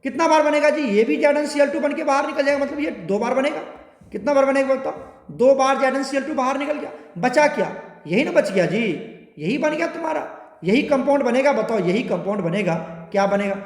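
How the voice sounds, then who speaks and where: A male chemistry teacher giving a classroom lecture, repeatedly quizzing his students and drawing out key words. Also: extremely high pitch. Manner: questioning students constantly, repetitive, drawn-out spelling. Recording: echoey room with long reverb.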